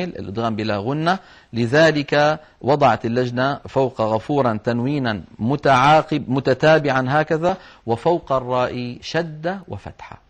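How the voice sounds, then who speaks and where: A male teacher patiently explaining a lesson step by step, chanting short example phrases slowly. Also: medium pitch. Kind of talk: explanatory lesson on Quran orthography marks.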